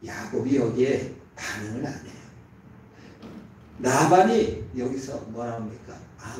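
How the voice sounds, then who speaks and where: A male pastor giving an emphatic sermon in a church, voice rising and falling sharply for stress. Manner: emphatic preaching with sharp rises in pitch and volume. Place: church sanctuary. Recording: very echoey church from far off, faint noise.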